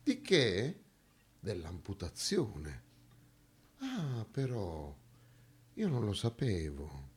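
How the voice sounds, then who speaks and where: A stage actor performs a dramatic theatre monologue, declaiming emphatically with rhetorical repeated lines. His lowish voice has a breathy edge and huge pitch swings, and he speaks very slowly with frequent pauses.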